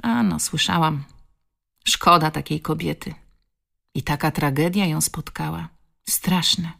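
A woman's voice: low-pitched, measured pace, creaky, fairly bright tone, heavily acted. A woman reading the part of a nosy village woman who asks questions and sighs over a neighbour's misfortune. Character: curious gossiping village shopper.

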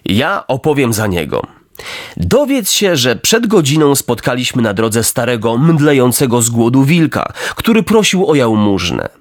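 A male narrator puts on a sly fox from a storybook, all flattery and slow, drawn-out words. The delivery is dry and close, with lively swings in pitch. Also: no echo, lightly acted.

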